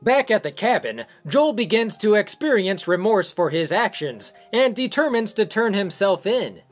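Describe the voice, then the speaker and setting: Reviewer, man, sarcastic recap narration, lively pitch, faint music. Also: husky. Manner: sarcastic, joking asides. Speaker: movie reviewer. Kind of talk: comedic film recap narration.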